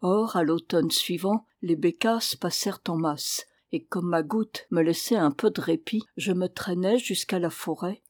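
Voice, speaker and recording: A woman narrating a classic short story as an audiobook, in a measured, steady storytelling manner. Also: lowish voice, no echo, clean studio sound.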